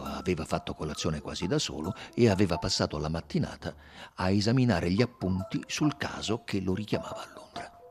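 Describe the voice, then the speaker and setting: A man's voice: on the low side, gravelly. A man narrating an audiobook in a theatrical, varied reading style. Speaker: audiobook reader.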